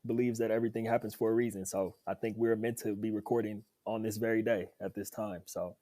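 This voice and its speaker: A young former football player, appearing as a podcast guest, tells his story in a casual, upbeat interview, chatting freely and laughing easily. His voice is on the low side, mellow and fairly even in intonation, and he talks quickly. The recording is dry.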